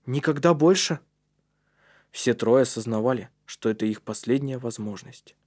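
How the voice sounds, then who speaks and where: Man, audiobook narrator, steady measured reading, middle pitch.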